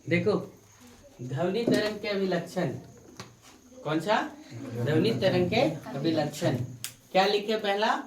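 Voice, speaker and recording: A woman's voice: medium pitch, slow pace, pauses often. Woman tutor quizzing a class, echoey. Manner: repetitive questioning, prompts students to answer. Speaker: science tutor. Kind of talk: classroom lecture with call-and-response questions. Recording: echoey room, far from the mic.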